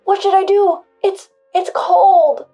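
A woman voicing an entitled husband who shouts demands over the phone. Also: very high-pitched, steady tone, slow pace, faint music behind, voice pushed up, full character voice. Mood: panicked. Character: angry, entitled adult husband.

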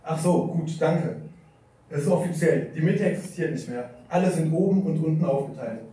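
A man's voice: a little high, moderate pace, mellow, natural voice. A man playing a harried, bureaucratic secretary in hell at a live script reading. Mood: dutiful. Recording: echoey hall recorded from far off.

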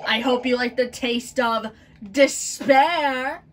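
A woman voicing an evil Dark Lord from a video game with slow, theatrical villain menace. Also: high-pitched, voice pushed down, full character voice. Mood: gloating menace. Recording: far from the mic, game music.

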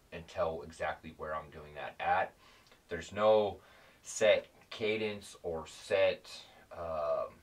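Speaking far from the microphone, a man with a very low, slightly bright voice talks through predator calling instruction in a loose, plain-spoken way. He wanders, doubles back, and restarts sentences to correct himself.

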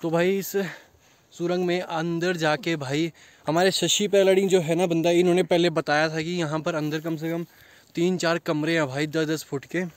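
A man's voice: on the high side, level tone, normal speed, no echo. A young man vlogging outdoors by a cave, out of breath and a little nervous, talking to viewers as brothers while holding a phone camera. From India. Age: young adult. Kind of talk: casual outdoor vlog. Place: hillside and inside a rock cave. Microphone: handheld phone camera.

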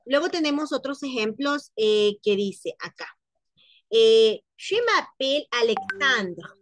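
Brief: female language teacher, unhurried, somewhat high voice, repeats each word for students, dry close sound. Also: lively intonation, dry recording. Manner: slow, repeats words for students to copy. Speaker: French teacher. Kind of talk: pronunciation lesson.

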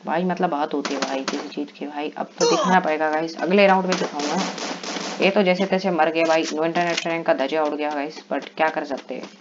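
A man giving excitable live commentary while he plays, yelling and pleading in bursts. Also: a little high, fast. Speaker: gaming vlogger. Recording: lo-fi with steady background noise.

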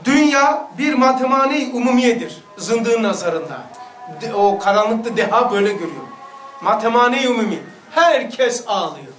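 High-voiced man giving an echoey religious lesson. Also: animated, normal speed, fairly bright tone, recorded from a distance, soft background music. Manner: exhorting, rhetorical questions to listeners. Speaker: religious teacher.

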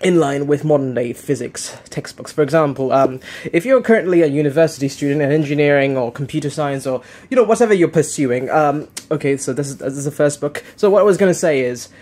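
A man's voice: fairly high pitch, quick pace, darkish tone. A young man giving casual, unscripted unboxing commentary, rambling and hesitant as he keeps correcting himself. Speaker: unboxing video host. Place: living room, indoors.

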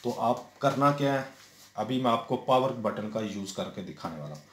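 A TV repair technician with a medium-pitched, slightly bright voice and lively intonation guides a hands-on repair at an indoor workbench at a moderate pace. He breaks it into steps, dotting his speech with fillers and frequent "theek hai" check-ins. The recording has a roomy echo and faint noise.

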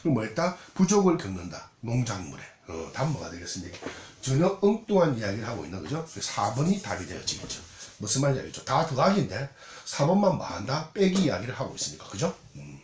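Gyeongsang-accented man teaching, lively pitch. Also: fast talker. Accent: Gyeongsang Korean. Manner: checks in constantly with rhetorical questions. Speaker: English exam tutor. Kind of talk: recorded exam lecture. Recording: roomy echo, faint noise, clicks.

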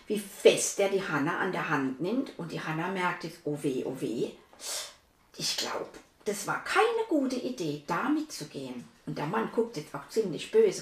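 A woman's voice: fairly low pitch, very animated, normal speed, echoey room, recorded from a distance. A woman reading a children's story aloud, adding asides to children and her dog.

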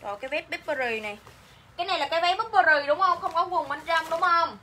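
Bright, high Southern Vietnamese saleswoman. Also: lively intonation, fast. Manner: chatty, repeats each line, coaxes viewers. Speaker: livestream clothing seller. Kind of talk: live-sale selling chat.

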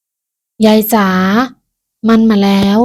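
A woman voicing a fawning, greedy grandchild with sugary, ingratiating talk, spoken slowly. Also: warm tone.

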